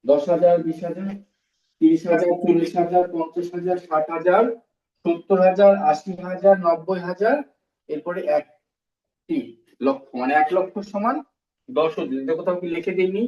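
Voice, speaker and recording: A man teaching a recorded primary school math lesson in a classroom, with a fairly high voice. He works through each step slowly, repeats the terms and keeps putting questions to the pupils. He sounds distant from the mic, in an echoey room, with a dull, muffled tone. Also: warm tone.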